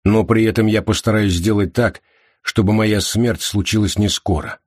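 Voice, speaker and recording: Man reading a calm, steady young man. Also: on the low side, moderate pace, no echo, studio quality, voice pushed up, close to an everyday voice. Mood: calm, reassuring.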